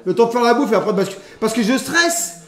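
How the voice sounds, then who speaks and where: A man with a high voice cooks while live-streaming and talks to his viewers. He rambles freely, mixing crude jokes with running commentary. His voice rings through a roomy, echoey kitchen. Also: animated, fast talker, a bit bright. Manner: rambling, crude, joking asides to chat. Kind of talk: casual live-stream chat while cooking. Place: rented apartment kitchen. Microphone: streaming setup with camera.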